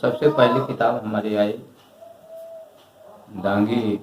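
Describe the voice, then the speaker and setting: Slow-spoken older man in an echoey room. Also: lowish voice, steady tone. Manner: slow, measured, reflective. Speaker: retired writer and historian. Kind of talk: interview answers.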